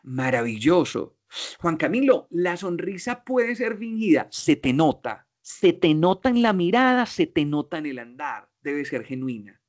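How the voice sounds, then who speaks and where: Animated Colombian man giving a playful talk. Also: a little high, unhurried. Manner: playful, slangy, asks himself questions. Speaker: speaker. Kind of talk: motivational talk.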